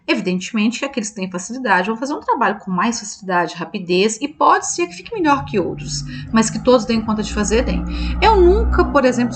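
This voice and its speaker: Chatty Brazilian woman teacher. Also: on the high side. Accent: Brazilian Portuguese. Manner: chatty, checks in with listeners often; self-correcting, thinks aloud. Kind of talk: online lesson going over quiz answers.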